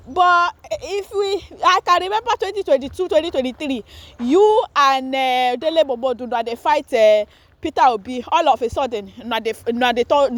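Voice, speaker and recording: A woman's voice: high-pitched, dry recording. A Nigerian woman with a Nigerian Pidgin accent, giving blunt, dismissive political commentary.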